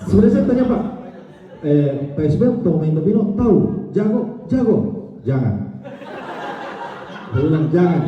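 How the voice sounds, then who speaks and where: A man delivers a relaxed, humorous tribute, often laughing and slipping into quoted dialogue. His voice sits slightly high. It is caught from a distance in a large reverberant hall, with a dull, muffled sound. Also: brisk. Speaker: speaker giving a farewell tribute. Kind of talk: casual speech.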